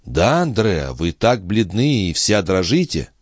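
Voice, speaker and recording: A man's voice: sits low, sing-song, a little slow, dry recording, clean studio sound, heavily acted. Man voicing a worried young brother. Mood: worried, tender. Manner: concerned, gently questioning.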